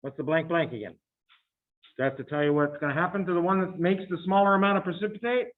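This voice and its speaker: A male chemistry teacher lecturing a class, chatty, thinking out loud and firing questions at the room. His voice sits a little high for a man. The recording is thin and tinny, like a phone line. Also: quick pace. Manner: chatty, thinks aloud, quizzes students. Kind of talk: classroom lecture working problems.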